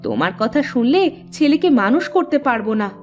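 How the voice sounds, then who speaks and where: Cartoon: scolding village mom, high and swooping, sarcastic nagging. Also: female voice, big pitch swings, brisk, soft background music. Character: nagging village mother, sharp-tongued and scolding. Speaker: cartoon voice actress. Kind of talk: cartoon voice acting.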